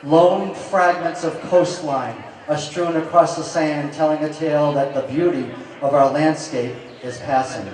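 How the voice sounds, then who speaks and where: A man's voice: on the high side, steady tone, measured pace, few pauses, a little mellow. A man presenting artworks at a live auction event in a formal presenter's style. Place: reverberant hall at a live event. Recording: echoey hall, distant microphone.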